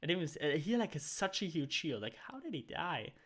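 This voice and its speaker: A man casually commentating a live esports match, rambling and correcting himself, then bursting into excited shouts and casual swearing when fights break out. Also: fairly high pitch, fast talker, husky. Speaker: esports co-caster.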